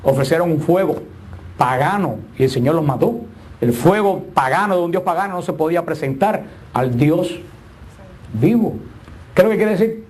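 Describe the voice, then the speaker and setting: A man's voice: a little high, expressive, normal speed, darkish tone. A middle-aged man preaching a sermon with emphatic, swinging delivery and joking asides.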